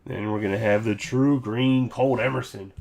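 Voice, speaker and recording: Low, gravelly male host for a casual card-break stream; loose and joking. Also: fairly even intonation, normal speed, darkish tone. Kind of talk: casual live-stream recap.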